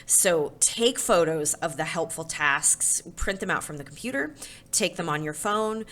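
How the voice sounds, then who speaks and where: A woman's voice: on the low side, expressive, unhurried, a bit bright. A woman parenting educator giving an encouraging recorded lesson, talking plainly with occasional fillers.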